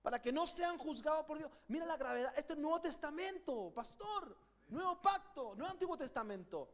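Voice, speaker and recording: A man's voice: very high voice, expressive, normal speed, fairly bright tone. A middle-aged man with a Chilean accent, preaching a sermon with passion and calling his congregation to repeat after him. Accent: Chilean Spanish. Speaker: pastor. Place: church sanctuary.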